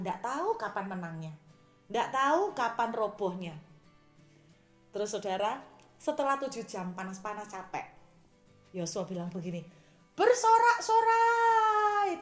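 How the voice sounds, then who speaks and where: Woman preacher giving a sermon, shouts then goes quiet, roomy echo, a bit of music behind. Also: mid-range voice. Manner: animated, shouts praises then drops to a whisper.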